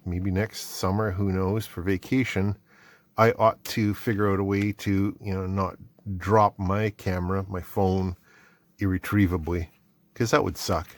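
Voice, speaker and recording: A middle-aged Canadian vlogger chats casually while opening his mail and trying out the items, thinking aloud along the way. His voice is fairly low, and the recording is dry.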